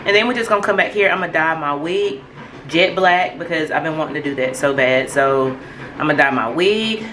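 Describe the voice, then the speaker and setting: Young woman, low voice, rambling casual vlog chat, faint washing machine hum behind. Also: fairly quick, fairly bright tone. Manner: chatty, rambling and upbeat, with many fillers. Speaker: vlogger. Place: home with a washing machine running. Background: washing machine noise.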